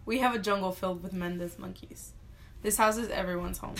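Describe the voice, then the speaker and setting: A woman's voice: medium pitch, fairly even intonation, brisk, gravelly, a bit bright. 16 yr old girl, dry jokey answers, faint room hum behind. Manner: dry, playful humor. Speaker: interviewee, younger sister.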